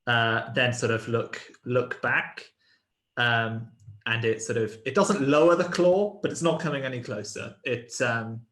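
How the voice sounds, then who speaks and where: A man narrating a tabletop role-playing game as game master, slowly describing a creature with many pauses and fillers. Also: medium pitch, fairly bright tone, roomy sound. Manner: hesitant, many fillers and "sort of".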